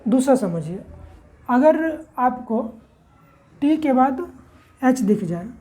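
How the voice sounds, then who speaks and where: Woman teacher, mellow higher voice, spells out words, quizzes the listener. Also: animated, slow, poor audio. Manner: spells words letter by letter and keeps asking rhetorical questions. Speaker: English teacher. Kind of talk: classroom-style lesson.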